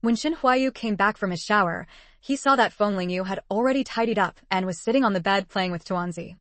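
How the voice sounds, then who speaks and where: A woman narrating an audiobook in an even, steady way at a middle pitch. The sound is dry and close, with no room around it. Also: a little fast, no room sound.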